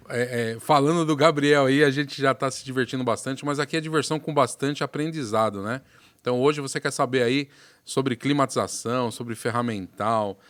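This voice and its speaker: A man hosting a podcast in an upbeat, presenter-like manner, welcoming the guest and plugging sponsors. His voice sits at an ordinary mid pitch. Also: fairly bright tone. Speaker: podcast host.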